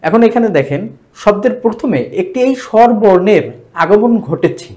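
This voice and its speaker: A man with a Bangladeshi Bengali accent teaching a grammar lesson for exam preparation, repeating each term slowly for emphasis. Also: high-pitched, lively intonation, a little mellow.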